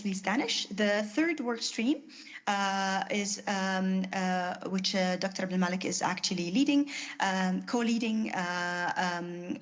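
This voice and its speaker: A woman gives a conference panel presentation at a middle pitch. She speaks haltingly and fills her pauses with frequent "uh" and "um". The audio sounds dull and lo-fi. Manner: halting, many fillers.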